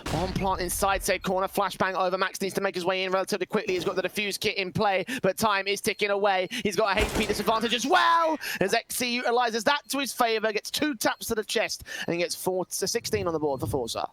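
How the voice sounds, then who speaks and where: A man calling a live esports match as play-by-play commentator, quick and building to excited shouts. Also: high-pitched, a little hiss or hum. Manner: rapid, rising to excited shouts at big plays. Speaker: esports caster.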